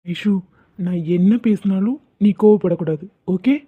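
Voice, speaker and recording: A woman voicing an exasperated young husband in an animated comedy, teasing and pleading with his wife. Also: mid-range voice, a little slow, breathy edge, no echo. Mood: coaxing. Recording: tinny phone-like sound.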